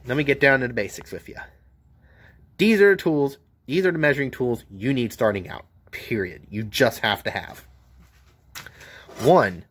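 An American man, a welder, giving a casual hands-on demo of his tools, blunt and joking, filmed one-handed at an outdoor work table. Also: mid-range voice. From United States. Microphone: handheld camera mic, filming one-handed.

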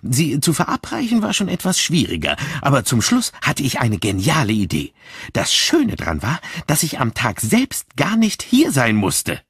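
A man reads as an agitated young man, bitter and self-satisfied, on the edge of hysteria. His pitch jumps up and down, with a husky rasp. The storybook reading is close and dry. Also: huge pitch swings, moderate pace, fairly bright tone, no echo, exaggerated voice. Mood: agitated, spiteful.

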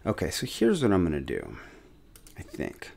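A man's voice: low-pitched, huge pitch swings, normal speed, gravelly, a little mellow. A man giving casual, self-critical commentary on his own gameplay as a channel host, thinking aloud with restarts and chuckles.

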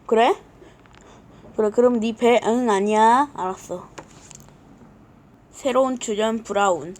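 A woman's voice: a little high, fairly even intonation, slow. Whiny dramatic woman storyteller. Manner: whiny and dramatic, swinging loud and quiet. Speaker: storyteller playing with characters. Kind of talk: playful homemade character skit.

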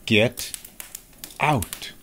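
A man playing a calm, authoritative detective in a radio drama who speaks in a measured, reflective way. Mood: stern. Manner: measured, stern then reflective.

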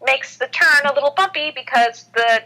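A woman's voice: sits high, moderate pace, sharp tone, poor audio. A woman co-hosting a racing podcast in playful casual chat. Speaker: podcast co-host.

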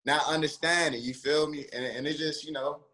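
A young man from Washington, DC, a former football player turned trainer, chats as a podcast guest in a slightly raised voice. His stories come out animated and slangy, full of restarts and asides. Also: fairly high pitch, a little fast. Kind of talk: casual podcast chat.

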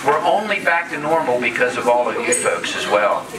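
A man's voice: mid-range voice, very animated, moderate pace. A middle-aged man talks into a handheld mic in a large farm hall, and his voice rings through the echoing space. He reads from a proclamation and keeps breaking away from it for jokes. A crowd murmurs in the background. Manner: joking, off-script asides. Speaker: county commissioner presenting awards. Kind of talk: casual public ceremony speech. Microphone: handheld microphone. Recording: echoey hall, crowd noise, distant mic.

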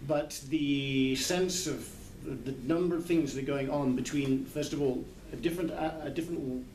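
His fairly high voice is steady and darkish, moving at a normal speed. He's a translator in his sixties, thinking aloud hesitantly and hunting for words at a casual book club, seated in a circle in a large hall. The recording is echoey and noisy, from a camera a few metres away.

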